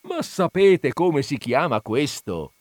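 A calm middle-aged lawyer speaks slowly and patiently, as a man reads him. His tone rises and falls as he explains. The recording is dry and close. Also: on the high side, dry recording, voice pushed up. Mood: measured.

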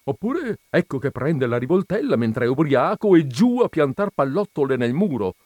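A man's voice: a little high, sing-song, normal speed, darkish tone, no echo. A man doing a fretful, deferential landlord. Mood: plaintive. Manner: plaintive, complaining, deferential. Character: harried, deferential landlord, middle-aged man.

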